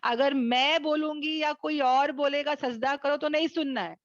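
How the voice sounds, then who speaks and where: A woman's voice: sits high, fairly even intonation, dry recording, dull audio. A woman teaching a Quran class to sisters over a video call. She keeps asking questions and checks that her students follow. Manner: addresses listeners as sisters. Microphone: video call microphone.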